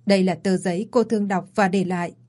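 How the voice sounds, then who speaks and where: A woman's voice: medium pitch, fairly even intonation, fast talker, warm tone, natural voice. A woman voicing an anxious housekeeper in an audio story, reporting hurriedly.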